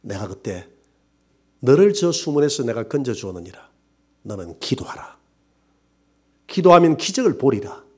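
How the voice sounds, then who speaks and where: A man with a Gyeongsang accent voicing a gentle, solemn divine voice, low, quiet and half-whispered. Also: very animated, moderate pace, long pauses, slightly rough. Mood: solemn reassurance. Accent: Gyeongsang Korean.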